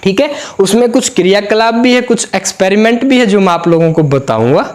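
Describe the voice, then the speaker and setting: A man teaching a school science lesson to pupils, repeating each term slowly several times and often checking that they follow. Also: sits high, expressive. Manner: drills terms by slow repetition, keeps checking in with pupils. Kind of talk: classroom-style video lesson.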